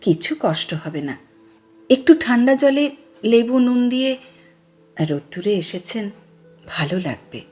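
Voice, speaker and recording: Casting: a woman playing an eager middle-aged ex-pupil, welcoming, slow and husky. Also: a little high, sing-song, a little mellow, soft background music, heavily acted. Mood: hospitable.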